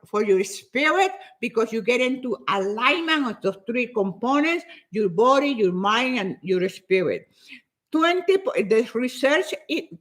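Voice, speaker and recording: Lively older woman talking to viewers. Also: fairly high pitch. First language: Spanish. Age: 70s. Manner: lively, repeats herself, says she talks fast. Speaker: fitness speaker. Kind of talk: casual talk to viewers.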